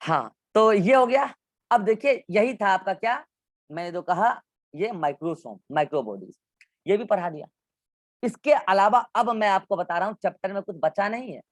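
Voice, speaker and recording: A man's voice: high-pitched, lively intonation, unhurried, no echo, studio quality. A male biology teacher giving an online class in with English science terms, walking students through textbook diagrams and repeating instructions.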